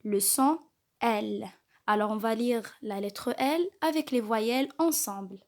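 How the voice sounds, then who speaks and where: A woman teaching a kindergarten reading lesson, slowly and carefully sounding out each letter and syllable. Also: a little high, a little mellow. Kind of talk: slow scripted reading lesson.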